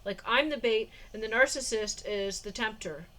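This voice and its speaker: In a casual diary vlog, a woman in her forties rambles with plenty of fillers and frequent laughter. Her voice is fairly high and bright, her pace moderate, and the low-quality audio comes from a phone or camera mic indoors.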